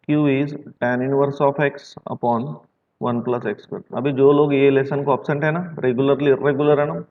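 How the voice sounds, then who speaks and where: Scolding his online class, a math teacher from Maharashtra, India, lectures sternly in a mid-range voice. He says things more than once and drops English math terminology into what he says. The sound quality is dull and lo-fi.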